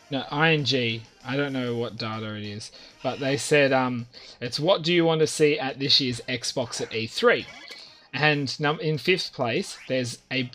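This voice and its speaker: A man's voice: mid-range voice, a bit bright. A man chatting casually to his viewers during a live game stream, rambling and talking straight to them. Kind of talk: casual live-stream chat while playing.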